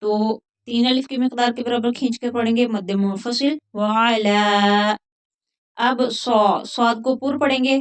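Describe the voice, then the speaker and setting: A woman teaching a tajweed lesson, patiently explaining each rule and then chanting the verses slowly. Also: a little high, steady tone. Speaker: Quran recitation teacher.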